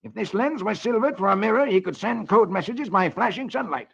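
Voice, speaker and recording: A man's voice: high voice, animated, fairly quick, vocal fry, fairly bright tone, husky, voice pushed up, heavily acted. A man playing a precise, know-it-all telegraph inspector in a clipped explaining manner, on a vintage radio broadcast. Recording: dull lo-fi vintage radio recording.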